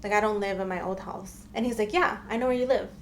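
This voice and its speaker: A woman's voice: medium pitch, fast, slight background noise. Chatty young woman storyteller. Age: young adult. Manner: chatty and emphatic, often addressing viewers. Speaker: storytime vlogger. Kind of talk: casual storytime.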